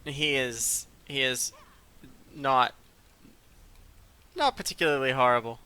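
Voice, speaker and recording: A man's voice: mid-range voice, slow pace, bright, forceful tone, clean tone. A man giving casual, musing let's play commentary, as if talking to himself, close to the microphone. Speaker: gameplay commentator.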